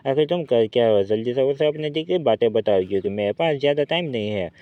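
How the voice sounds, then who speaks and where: A man's voice: medium pitch, animated, fast, no echo, phone-quality sound, natural voice. Man doing bossy hot-headed boy hero. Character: cocky young boy superhero, hot-tempered.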